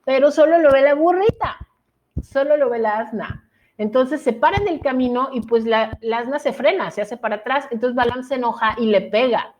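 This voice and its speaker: A woman Bible teacher retelling a story to an online class in a lively, conversational way with quick asides, on a video call mic. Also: sits high, dull audio.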